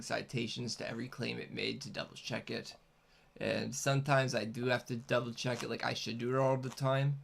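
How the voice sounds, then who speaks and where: A man's voice: mid-range voice, vocal fry, a little hiss or hum. A man chatting casually and unscripted as a host, rambling and hesitant as he explains things. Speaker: host, content creator.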